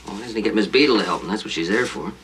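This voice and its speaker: Frontier dad: middle-aged, protective, plain-spoken, fast delivery, mid-range voice, faint background noise, period TV drama. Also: male voice, lowish voice, lively intonation, a bit bright, rough recording. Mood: disapproving. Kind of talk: television period drama acting.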